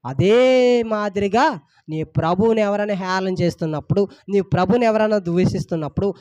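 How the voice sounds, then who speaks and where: A man's voice: high voice, darkish tone, dry recording, studio quality. A male pastor delivering a sermon, repeating phrases with rising and falling intensity. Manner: emphatic, repetitive preaching with rising and falling intensity.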